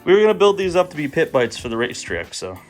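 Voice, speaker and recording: Very animated and talking quickly, a man with a higher voice hosts a vlog about car and bike builds. He's slangy, sweary and self-deprecating as he chats to camera, with soft music playing behind him.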